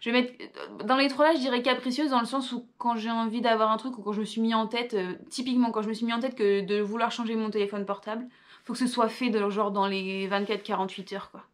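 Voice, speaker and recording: Young girl vlogging, fairly high voice, reads quiz lines then answers offhand. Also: fairly even intonation, fast. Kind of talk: casual vlog, reading quiz questions aloud.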